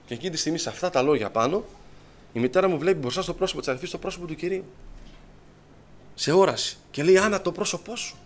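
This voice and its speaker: A man telling his personal testimony to a congregation, lively and storytelling, acting out what others said. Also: a little high, long pauses, slight background noise. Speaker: church member giving testimony.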